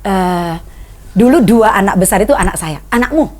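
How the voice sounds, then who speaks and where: A woman's voice: medium pitch, normal speed, a little mellow. A middle-aged woman co-hosting a talk show, telling a family memory in a heartfelt, vivid way. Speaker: co-host. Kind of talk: personal storytelling in a talk show.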